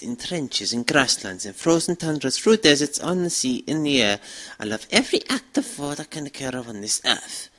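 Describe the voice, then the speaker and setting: A woman plays a war-loving vampire commander with a low, husky voice. The delivery is grandiose and savoring, swinging widely in pitch like a fanatical orator rallying troops. It is a theatrical anime villain monologue, full of relish. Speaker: fan dub performer.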